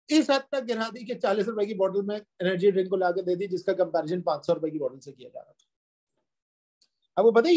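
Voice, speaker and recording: A man's voice: high-pitched, darkish tone, low-quality recording. A young man with a Pakistani Urdu accent teaching a classroom lecture, chatty, with storytelling asides and English phrases mixed in.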